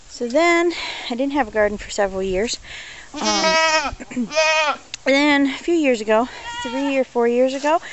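Mom walking around her farm filming, chatty, kinda high voice, outdoor noise. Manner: chatty, calls out to her animals. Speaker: homesteader giving a farm tour. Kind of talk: casual walking vlog narration. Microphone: handheld camera, filming while walking. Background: goats bleating, chickens.

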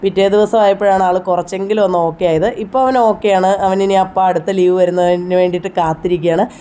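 A woman's voice: on the low side, flat delivery, fast talker, mellow. A woman in her thirties with a Kerala Malayalam accent, narrating a personal family vlog in a chatty, heartfelt way. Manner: chatty, heartfelt, frequent tag "you know". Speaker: vlogger.

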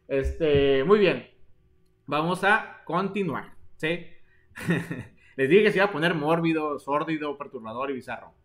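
Male teacher in his thirties, playful live-stream lesson delivery, slightly high voice. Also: lively intonation, unhurried. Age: 30s. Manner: joking, theatrical, addresses students as "jóvenes". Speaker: online biology teacher. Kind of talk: live-streamed exam prep class.

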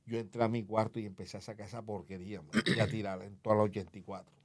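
A man's voice: on the low side, flat delivery, racing. A man telling his personal testimony as an interview guest, vividly acting out remembered dialogue. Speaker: guest sharing his life story.

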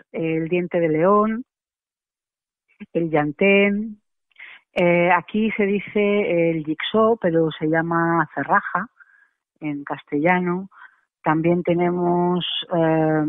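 A woman's voice: fairly low pitch, slow pace, no echo. A woman, a macrobiotic cooking guest on a radio interview, chatty and explanatory, with many tag questions. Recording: dry, tinny phone line.

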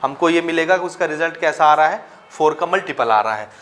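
High-voiced maths teacher, man. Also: lively intonation, a bit bright, slight background noise. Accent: Hindi-speaking Chhattisgarh. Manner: checks understanding with frequent rhetorical questions; mixes Hindi with English maths terms, dictating slowly. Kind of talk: classroom lecture.

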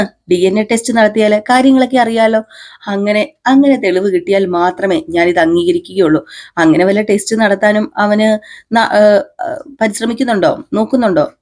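A woman's voice: medium pitch, fairly even intonation, normal speed, darkish tone, lightly acted. A woman voicing a stern, unforgiving older mother-in-law with a curt, scolding way of speaking. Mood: stubborn.

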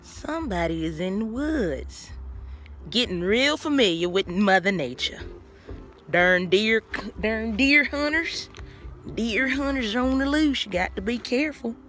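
A woman with a fairly high, slightly bright voice vlogs on a handheld phone while walking near traffic at night, speaking animated and unhurried. She talks straight to her viewers in a chatty, folksy, out-of-breath way, with soft background music and faint outdoor traffic noise.

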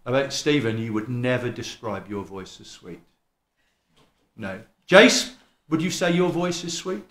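The preacher, a middle-aged man, speaks at medium pitch and an unhurried pace from a lectern in a small church hall. His accent is East Midlands English with some Welsh, and his style is chatty, animated, self-mocking, and full of impressions of what people say. A stand mic at the lectern and a camera across the room record him.

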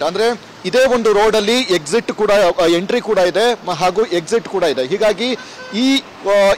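A man reporting live outdoors beside a busy road, speaking haltingly with many fillers into a handheld mic. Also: high-pitched, a little hiss or hum. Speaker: field reporter. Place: roadside outdoors by a mall.

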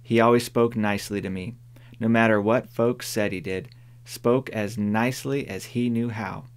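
A man voicing a sharp-tongued older woman neighbor in an audiobook, dry, firm and plain-spoken. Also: fairly low pitch, fairly even intonation, moderate pace, smooth, lightly acted. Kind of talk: audiobook character voice.

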